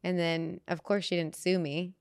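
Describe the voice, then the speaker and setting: A woman's voice: fairly low pitch, level tone, moderate pace, no room sound, studio quality. A woman hosting a podcast who tells stories chattily and laughs through them. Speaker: podcast host. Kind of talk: casual podcast storytelling.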